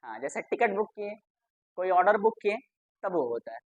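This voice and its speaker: A woman's voice: mid-range voice, big pitch swings, normal speed, darkish tone, no echo, muffled recording. A woman teacher. She gives a classroom grammar lesson, spells words out letter by letter and repeats them, and asks the class questions that she then answers herself.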